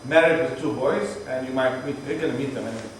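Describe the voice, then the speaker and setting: A man's voice: mid-range voice, fast talker. Guy giving a tour on a bus, sounds far off and echoey, a bit of road noise. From Palestinian, from Jerusalem. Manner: chatty, explaining patiently with jokes. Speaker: tour guide. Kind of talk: guided tour talk to a group.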